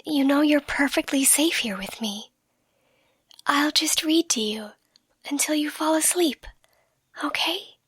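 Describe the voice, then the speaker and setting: A woman's high, soft, breathy and often whispered voice brings to life a catgirl girlfriend gently soothing her partner to sleep, with a calm, intimate mood and a tender, unhurried, reassuring manner. The ASMR bedtime roleplay also includes slow storybook reading, and the dry recording uses a close mic with soft music playing.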